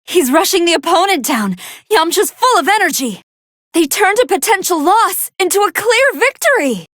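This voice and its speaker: High-pitched, polite android scientist commentator Android 21. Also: female voice, normal speed, no echo, clean studio sound, heavily acted. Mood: composed, curious. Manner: formal, precise, earnest, expressive. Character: polite, soft-hearted female android scientist commentating fights. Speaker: match commentator. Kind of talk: scripted video game fight commentary.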